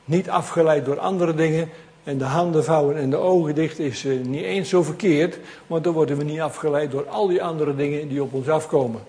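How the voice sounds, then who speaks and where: Male preacher, fairly high voice, lively and conversational sermon delivery with asides to the congregation. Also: brisk.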